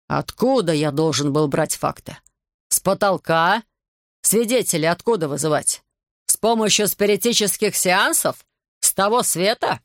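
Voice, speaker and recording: A man's voice: fairly high pitch, steady tone, moderate pace, vocal fry, dry recording, clean studio sound. A man reading the lines of an indignant male investigator who argues defensively and later turns weary and sympathetic. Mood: offended, defensive. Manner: offended, argumentative, later weary.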